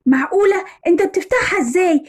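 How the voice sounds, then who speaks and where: A woman's voice: extremely high pitch, expressive, fast talker, a little mellow, pitched above the performer's own voice. A woman with an Egyptian accent voicing a sneaky schoolboy obsessed with a video game.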